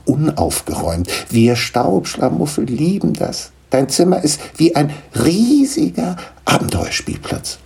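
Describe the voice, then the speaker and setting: A man voicing a small, bearded male dust gnome in a storybook reading, fussy and excitable with a gravelly, husky voice. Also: on the high side, measured pace, few pauses, pitched above the performer's own voice, heavily acted. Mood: eager chatty. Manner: fussy, excitable, tearful complaining.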